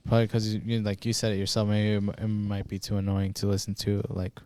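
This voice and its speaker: A man co-hosts a casual movie podcast, chatting with many fillers and restarts. His voice is warm and mellow. The sound is dry and close. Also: fairly low pitch, fast talker, clean tone, dry recording. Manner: animated, repeats himself, many fillers. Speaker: podcast co-host. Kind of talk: casual chat.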